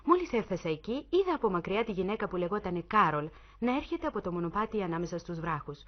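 A woman narrating a suspense story in the first person, in an expressive, dramatic reading style. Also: mid-range voice. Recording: muffled lo-fi recording.

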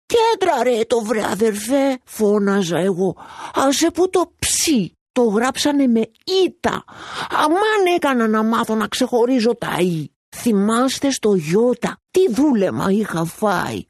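A woman's voice: on the high side, very animated, no room sound, studio quality. A woman voicing a lazy, chatty male bookshop cat who narrates the story, playful and meowing.

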